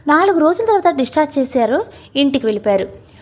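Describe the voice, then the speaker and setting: A woman's voice: high-pitched, big pitch swings, fast talker, a little mellow. A woman narrating a family drama story from a script, reading every character's lines herself.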